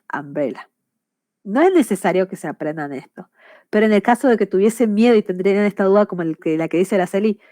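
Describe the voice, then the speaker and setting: A woman's voice: mid-range voice, a little mellow, no room sound, studio quality. Woman teaching English grammar. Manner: patient and explanatory, with frequent checks for understanding. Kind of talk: explaining grammar in a class.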